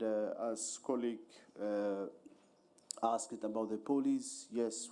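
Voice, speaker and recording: A man's voice: lowish voice, dark tone. Polite man from Somalia asking questions. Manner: deliberate, polite, with frequent filler pauses. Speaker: audience member asking questions. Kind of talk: conference floor question.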